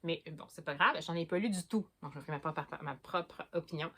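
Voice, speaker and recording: Woman, Québécois accent, slightly low voice, casual book vlogger, hesitant and rambling. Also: fairly quick, sharp tone, breathy edge. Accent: Québécois French. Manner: chatty, hesitant, many fillers and restarts. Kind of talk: casual chat about books.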